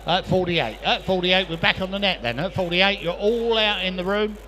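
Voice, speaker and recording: A man's voice: sits high, normal speed, pushed and bright. A man working as an auctioneer, chanting repeated prices and bid calls in patter at a live sale. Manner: repetitive patter of prices and bids. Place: busy auction sale room.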